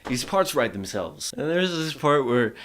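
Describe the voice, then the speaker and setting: A man's voice: medium pitch, very animated, measured pace, fairly bright tone, slight background noise. A drunk man giving a casual, rambling comedic recap of a film, repeating himself with theatrical exasperation. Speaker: comic storyteller.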